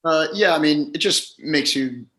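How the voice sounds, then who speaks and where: A man who is losing his voice, slightly hoarse, chatting casually as a pro athlete being interviewed. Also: a little high, unhurried, bright, forceful tone, reverberant. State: hoarse, voice a little gone. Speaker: professional golfer, podcast guest. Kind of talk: casual chat.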